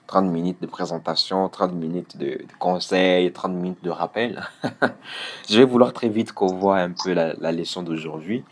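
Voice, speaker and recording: A man teaching a public speaking lesson over a video call, explaining patiently with frequent pauses. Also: sits low. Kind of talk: online one-on-one lesson.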